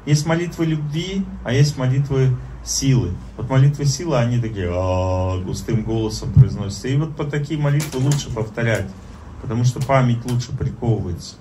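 Male spiritual teacher, middle pitch, halting informal lesson delivery with a faint noise bed. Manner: halting, with many fillers and pauses. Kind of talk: informal spoken lesson on prayer.

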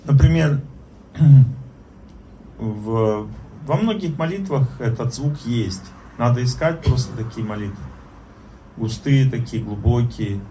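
A man speaks as a spiritual teacher in an unscripted lesson, pausing often and filling gaps with hesitations. His voice sits at an ordinary middle pitch. A faint hiss of noise runs under the recording. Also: mellow. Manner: halting, with many fillers and pauses. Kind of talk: informal spoken lesson on prayer.

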